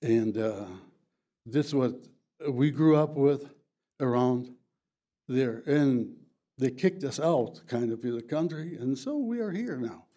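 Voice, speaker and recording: During public comment at a county board meeting, an older man whose mother tongue is Plattdeutsch and who comes from the former USSR speaks in hesitant English. He uses lots of fillers and shaky grammar, but his warm, mid-range voice carries lively intonation.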